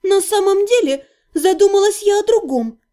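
A woman voicing a sharp-tongued young witch heroine in an audiobook, quick-tempered and indignant. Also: very high voice, expressive, pitched above the performer's own voice. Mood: teasing, wistful. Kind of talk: audiobook reading.

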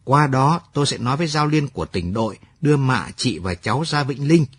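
A man's voice: mid-range voice, lively intonation, a little fast, slightly rough. A man voicing a young army officer who presses urgently in a radio story. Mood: urgent, pressing.

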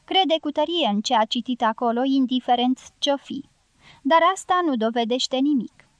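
A dry, skeptical young man from an audiobook, as a woman narrator reads him. His thoughts unfold in a wry, reasoning voice. It is read high and very close to the mic. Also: dry recording, highs cut off, natural voice. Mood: musing. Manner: wry, reasoning inner monologue.

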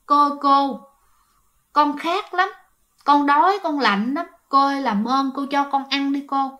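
A hungry young female ghost begs softly and politely for something to eat, as a woman storyteller puts her on. The voice sits high and keeps a humble, pleading tone. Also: measured pace.

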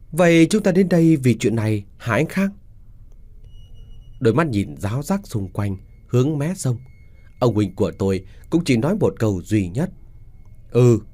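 A man narrating a ghost story, voicing the characters with dramatic shifts in loudness. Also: medium pitch.

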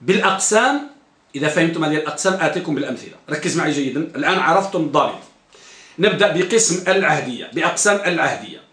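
A man's voice: on the high side, lively intonation, rapid-fire, fairly bright tone, reverberant. A man teaching a grammar lesson to a class, who asks his students questions and repeats the key terms.

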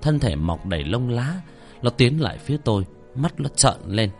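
A man telling a first-person horror story in a dramatic, expressive way, pleading when he speaks as himself. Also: medium pitch, normal speed, soft background music.

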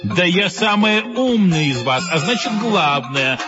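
A man's voice: high voice, very animated, a little slow, dull audio, over music, voice pushed up. A man voicing the quarrelsome, boastful heads of a seven-headed monster in an audio storybook, growling and menacing. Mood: squabbling.

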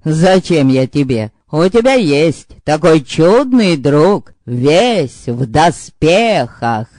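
A frightened, furious young man shouts and rails, voiced by a male narrator. His outbursts come slow and heavy. The storybook recording is dry and close. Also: fairly high pitch, sing-song, no room sound. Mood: hysterical. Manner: shouting, hysterical. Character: hysterical young man, angry and scared.

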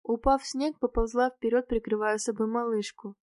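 A woman reading a novel aloud in the first person, with clear, expressive storytelling. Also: on the high side, normal speed, no echo, studio quality. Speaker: audiobook narrator.

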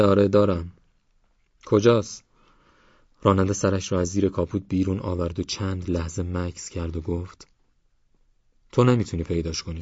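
A man narrating an audiobook novel in a measured, literary reading that softens on descriptive passages. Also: deep voice, slightly rough, no echo. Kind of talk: scripted narration. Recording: slightly muffled, soft music behind.

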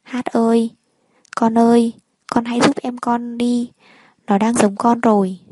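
A woman's voice: on the high side, flat delivery, a little slow, noisy background, close to an everyday voice. A woman reading the part of a wealthy older mother who scolds and pleads with her sons. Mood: grieving.

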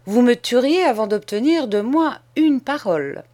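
A woman voicing a calm, defiant young schoolboy who speaks politely but firmly in an audiobook. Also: fairly high pitch, normal speed, voice pushed up, lightly acted. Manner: polite, firm and unyielding. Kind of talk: audiobook character reading.

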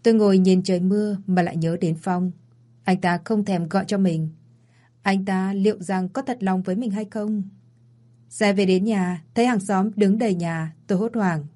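Woman, first-person story narration, steady, mid pitch. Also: normal speed.

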